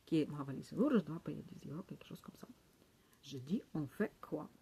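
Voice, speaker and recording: A woman telling a travel story in halting, non-native French, full of fillers and restarts, growing heated. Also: low-pitched, big pitch swings, warm tone, husky. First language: not French. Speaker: vlogger. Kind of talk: casual storytelling.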